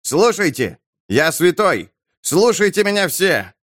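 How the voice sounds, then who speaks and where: A man voicing a young male preacher who lectures and rouses a crowd in a high, excitable voice. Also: normal speed, dry recording, clean studio sound, close to an everyday voice. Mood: rousing. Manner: preaching, rousing, high-strung.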